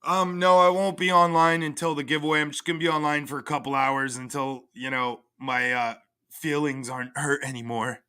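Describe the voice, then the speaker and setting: A man's voice: on the high side, steady tone, brisk, sharp tone, smooth. A man hosting a livestream, crudely and profanely mocking in a casual rant. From Canada. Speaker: livestream host.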